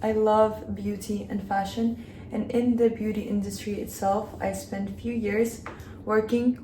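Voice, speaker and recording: Mellow-voiced woman chatting in an echoey room. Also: medium pitch, little pitch movement, measured pace, a little hiss or hum. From Kazakhstan. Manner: chatty and open, talking while she works. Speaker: beauty vlogger. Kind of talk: casual chat during a hair tutorial. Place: home room, in Hong Kong. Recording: echoey room with faint ambience.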